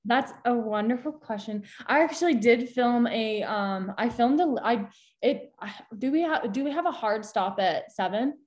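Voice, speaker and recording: A woman's voice: on the high side, expressive, normal speed, darkish tone. A young woman guest expert giving a chatty live tutorial over a video call, explaining step by step with frequent restarts. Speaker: social media guest expert.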